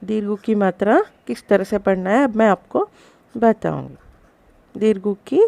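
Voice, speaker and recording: A woman's voice: mid-range voice, unhurried, creaky, warm tone, no echo. A woman school teacher giving a recorded lesson to young children, explaining patiently and repeating each point. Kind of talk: recorded online class lesson.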